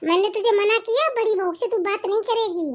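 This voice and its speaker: A woman's voice: very high-pitched, fast talker. A woman voicing a harsh, scolding mother-in-law in a home-made family drama, talking in a taunting, commanding way.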